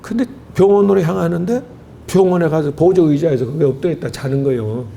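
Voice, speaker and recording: A man with a high, gravelly voice preaches a sermon as a pastor. He tells the story with drama, plays out every voice himself and bursts into shouted praise. A faint low rumble hangs behind him. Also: fast. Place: church hall at a retreat.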